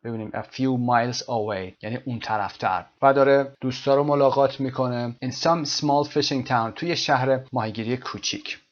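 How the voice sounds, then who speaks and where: A man teaching an English lesson, repeating phrases slowly and then explaining them. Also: mid-range voice, highs cut off. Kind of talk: language lesson explaining a text.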